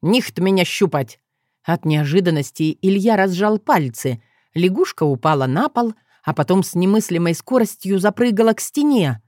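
Lively woman reading an audiobook aloud. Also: on the low side, normal speed, no room sound, clean studio sound. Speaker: audiobook reader. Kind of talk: expressive audiobook narration.

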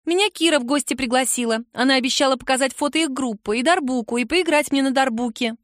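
A woman reader voicing an excitable, nosy young girl who begs and squeals with enthusiasm. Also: high voice, fast talker, no echo, clean studio sound, voice pushed up, lightly acted. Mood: chirpy, cheeky. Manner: breathless pleading, squealing enthusiasm.

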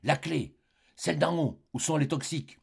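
A man voicing a desperate, feverish young woman who gives urgent, hushed commands in an audiobook. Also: a little high, normal speed, gravelly, breathy edge, voice pushed up, heavily acted.

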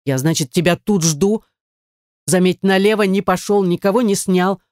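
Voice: mid-range voice, normal speed, a little mellow, dry recording, studio quality, lightly acted. An audiobook narrator voicing a domineering, jealous man who speaks sternly and growls. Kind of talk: audiobook dialogue.

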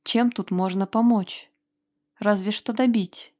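A woman reading an audiobook, voicing a cold, unflappable man who speaks in a calm, dry, dismissive way. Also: medium pitch, slow pace, lightly acted. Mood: cool, mocking.

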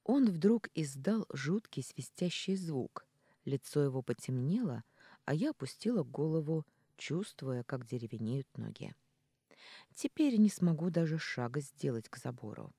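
An audiobook narrator reading a first-person novel in an expressive, dramatic manner. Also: medium pitch, a little slow, slightly rough, dry recording.

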